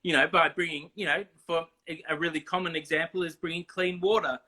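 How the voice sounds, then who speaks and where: A man talking as a guest in a casual video chat, explaining deliberately with many ums and restarts. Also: a little high, fairly even intonation, pushed and bright. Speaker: missions guest.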